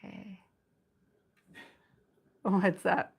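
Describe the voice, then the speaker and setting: A woman with a raspy voice, under the weather, teaching nail art in a bubbly, chatty live tutorial. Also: lowish voice, level tone, extremely slow. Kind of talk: casual live tutorial chat.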